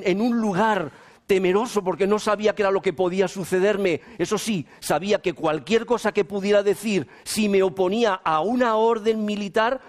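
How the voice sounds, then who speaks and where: A man preaching to young people, telling a personal story dramatically and acting out the voices he quotes. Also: high-pitched.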